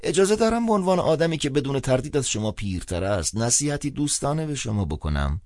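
A husky grumpy old man. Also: no room sound, studio quality. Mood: excited. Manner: gruff, mumbling, then shrill and excited. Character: grumpy suspicious old man on the phone, pipe-smoking. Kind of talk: audiobook character voice.

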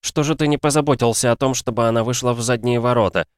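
A man's voice: mid-range voice, steady tone, fast, dry recording, voice pushed up, close to an everyday voice. A defiant young man confronting his father, his voice lifted and urgent, as a narrator puts him on. The sound is dry and close. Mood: accusing. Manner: accusing, raised and intense.

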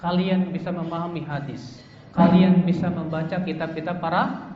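High-voiced preacher in an echoey hall. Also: male voice, steady tone, moderate pace. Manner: casual, addresses students directly with questions. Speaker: Islamic preacher. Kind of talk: religious study talk to students. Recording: echoey hall, slightly dull sound.

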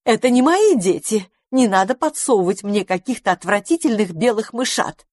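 A woman's voice: medium pitch, slow pace, voice pushed up. A woman doing a fretful mother forest mouse. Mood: indignant.

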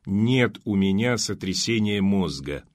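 A man voicing a bewildered, injured young man in an audiobook, asking slow, low, deliberate questions. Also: expressive. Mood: insistent. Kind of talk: audiobook character voice.

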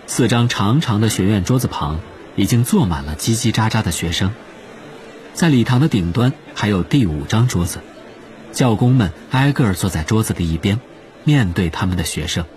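A man narrating an audiobook as expressive scripted storytelling. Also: fairly low pitch.

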